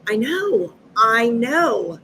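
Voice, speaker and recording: A woman in her fifties from Massachusetts, a guest on a live video chat, telling stories with lively acted-out dialogue and frequent laughter. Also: on the high side, extremely slow, a little hiss or hum, poor audio. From Massachusetts, USA. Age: 50s. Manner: lively, acts out quoted dialogue, laughs often. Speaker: guest, energy healer. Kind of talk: animated storytelling in a live chat.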